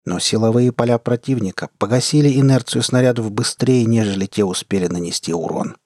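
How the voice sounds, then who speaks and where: A man hosting an audio magazine and narrating a science-fiction story in a steady, expressive way. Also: medium pitch, brisk, no echo, clean studio sound. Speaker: host and reader.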